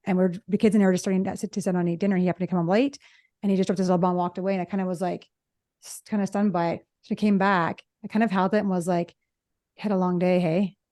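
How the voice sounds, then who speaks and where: A middle-aged woman, a relationship psychologist, talking fast and telling animated stories in a casual conversation. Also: on the low side, no room sound, clean studio sound. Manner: fast talker, animated storytelling. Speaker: podcast co-host, relationship psychologist.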